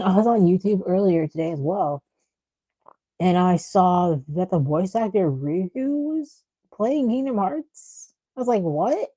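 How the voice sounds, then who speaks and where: A woman with a medium-pitched, dark-toned voice hosts a livestream, chatting casually in an informal, rambling way. There's no room sound, but the lo-fi mic is muffled and has clicking.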